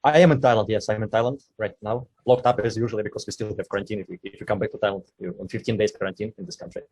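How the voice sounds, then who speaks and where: Fast-talking husky man, low voice. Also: steady tone, a little mellow, no echo. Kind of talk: casual live broadcast remarks.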